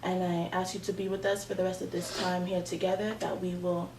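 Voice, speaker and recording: A woman in her twenties speaks briskly in a fairly low, level, slightly mellow voice as she facilitates a student group. Earnest and prayerful, she leans on many fillers, and the audio is echoey and distant, with noise in the background.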